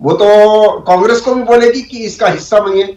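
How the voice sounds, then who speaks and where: A man's voice: high voice, a little fast, a little mellow, echoey room, lo-fi sound. A man, a party spokesperson, answering interview questions in an earnest, explanatory way with frequent restarts.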